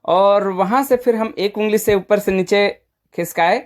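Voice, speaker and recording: A woman's voice: mid-range voice, measured pace. A woman presenting an informal step-by-step phone tutorial, conversational and often checking in with short tag questions.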